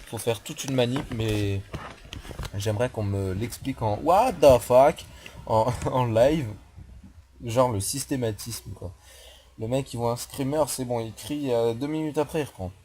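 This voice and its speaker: A young man commenting on a horror game he is playing, rambling and joking, swearing and yelling when startled. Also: mid-range voice, slight background noise. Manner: rambling, jokey, swears, yells at scares. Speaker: gaming youtuber.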